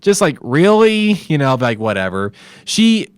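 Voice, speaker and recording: Animated, amused male film podcast host. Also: on the high side, a little slow, clear, resonant tone, dry recording. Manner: animated, amused, laughs often, sarcastic asides. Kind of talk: casual film recap.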